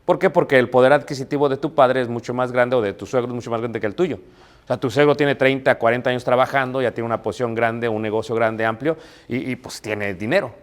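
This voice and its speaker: A man's voice: mid-range voice, steady tone, quick pace. Emphatic Mexican preacher man. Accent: Mexican Spanish. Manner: emphatic, repeats key phrases, asks rhetorical questions. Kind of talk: sermon on marriage.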